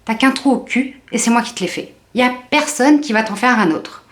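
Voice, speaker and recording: A woman voicing her blunt, no-nonsense mother in a flat, deadpan way. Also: fairly high pitch, brisk, slight background noise, close to an everyday voice.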